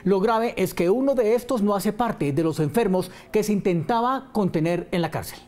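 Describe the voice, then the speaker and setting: A man's voice: sits high, normal speed, a little mellow. A man reporting as a news correspondent, addressing the anchor in a plain, matter-of-fact way.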